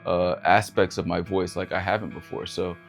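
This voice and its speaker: A man talking casually while working on vocals in a home studio, relaxed and self-deprecating. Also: sits low, moderate pace, creaky, soft background music. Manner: relaxed, self-deprecating, laughs at own attempts. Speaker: indie musician recording vocals. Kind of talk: casual vlog talk.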